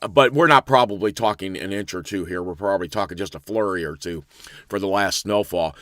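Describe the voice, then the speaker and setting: A man's voice: fairly low pitch, fairly bright tone, dry recording, clean studio sound. A man hosting a live local weather show, talking casually and rambling with many fillers as he walks through camera views. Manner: chatty, rambling, thinks aloud with many fillers.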